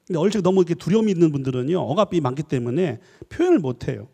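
Animated high-voiced man lecturing in a hall. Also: racing, creaky, breathy edge. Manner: animated, jokey, asks the audience questions. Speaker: professor giving a lecture. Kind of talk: lively church lecture. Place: church hall. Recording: echoey hall with long reverb.

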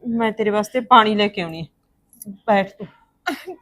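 An actress playing a woman who comforts and reassures her grieving sister-in-law and calmly explains what has happened. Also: medium pitch, unhurried, no echo, studio quality, natural voice. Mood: soothing. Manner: soothing, reassuring, talks it through. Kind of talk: Punjabi family drama acting.

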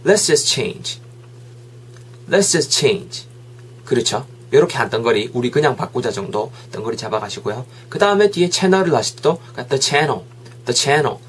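Male English teacher, animated and coaxing, faint hum in the background. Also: medium pitch, measured pace. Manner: lively, coaxing, drills phrases repeatedly. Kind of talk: video language lesson.

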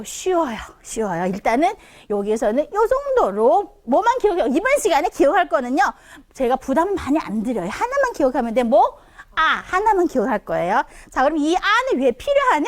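Female language teacher, high and animated, drilling tones for seniors. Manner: demonstrates sounds with big pitch swings, asks and answers her own questions. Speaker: Chinese conversation instructor. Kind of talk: online lesson for seniors.

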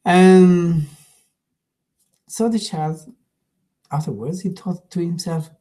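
A man gives a spiritual talk in an unhurried, gentle way, pausing often as he tells a parable. His voice is mellow and soft-edged. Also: high-pitched. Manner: unhurried storytelling with gentle pauses. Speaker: spiritual teacher.

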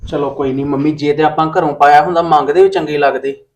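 Actor as a young adult son who soothes his mother; Punjabi accent, even and steady. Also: fairly high pitch, fast, lightly acted. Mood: calm. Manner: calm, reassuring. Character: reasoning young adult son, calm and reassuring.

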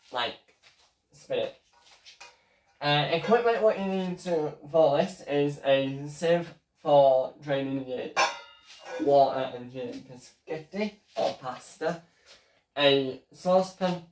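Slow-talking young man cooking at home. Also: medium pitch. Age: young adult. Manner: halting, chatty, talks while cooking. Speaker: home cooking show host. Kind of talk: casual cooking vlog. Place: small home kitchen, indoors. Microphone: fixed camera across the room. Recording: echoey kitchen, voice from far off.

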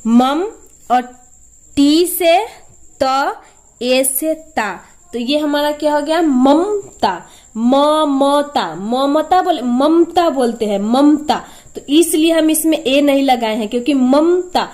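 A woman's voice: high voice, slow, a little mellow. A woman teaching a spelling lesson step by step, patiently repeating each sound and answering her own questions.

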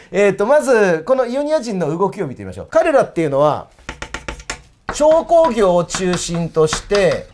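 A man's voice: sits high, a little mellow. A man teaching history in a casual, chatty video lecture, tossing in playful foreign greetings.

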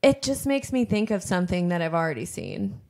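A woman's voice: lowish voice, huge pitch swings, brisk, warm tone. A woman co-hosting a podcast, chatting casually and enthusiastically while brainstorming a cartoon, laughing often. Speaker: cartoon creator and podcast co-host.

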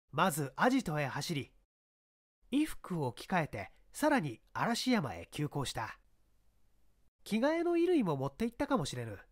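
Performing as a confident police inspector in a detective drama, a man sets out his deductions in a forceful, rhetorical manner. His voice is high-pitched.

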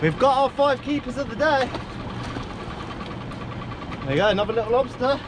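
A man's voice: extremely high pitch, expressive, normal speed. A man, perhaps in his thirties, giving casual, exclamatory vlog commentary while working on a small open fishing boat. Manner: exclamatory, talks while hauling gear. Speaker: small-boat crab and lobster fisherman. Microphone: camera mounted in the boat, few metres away. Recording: loud engine and outdoor boat noise.

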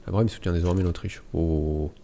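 A man's voice: sits low, fairly even intonation, normal speed, vocal fry, warm tone, slight background noise. A man casually commenting on his strategy game as host of a let's play, talking to himself with many fillers. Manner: mumbling to himself, lots of ok and euh.

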